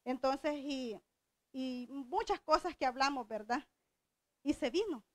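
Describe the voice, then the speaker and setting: High-voiced woman preaching a sermon. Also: expressive, slow pace, a bit bright, no echo. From El Salvador. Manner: conversational, asks the congregation questions.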